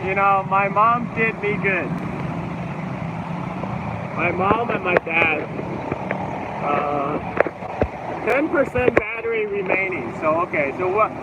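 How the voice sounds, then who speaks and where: A man's voice: high-pitched, slow pace, long pauses, highs cut off. A man in his forties chatting casually with his livestream viewers during a road trip, rambling and answering their questions as they come in. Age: 40s. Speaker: livestream host. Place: moving vehicle on a road trip. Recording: loud wind and road noise.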